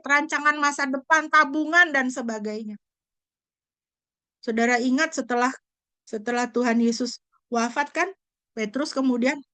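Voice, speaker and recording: A woman pastor preaching a sermon, animated and full of rhetorical questions. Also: high voice, no echo. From Indonesia.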